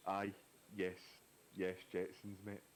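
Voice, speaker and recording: Male co-host, low voice, loose banter, easily amused. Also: slow pace, slight background noise. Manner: excitable, jokey banter. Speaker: co-host of a live drawing stream. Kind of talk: casual chat.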